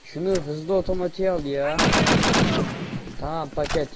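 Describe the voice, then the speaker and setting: Young man, high-voiced gamer, rowdy and foul-mouthed over loud gunfire from the game. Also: steady tone, measured pace, heavy background noise. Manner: loud, cursing, shouting at enemies. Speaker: gaming video creator. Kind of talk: casual gameplay commentary.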